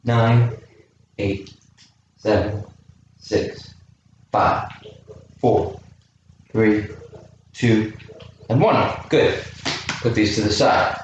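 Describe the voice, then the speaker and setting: This youth fitness coach has a lowish, fairly even voice and speaks very slowly with long pauses as he counts reps and asks kids encouraging questions during a home workout. He's in an indoor room with a chair, and the muffled, very echoey audio comes from a distant camera mic with faint noise.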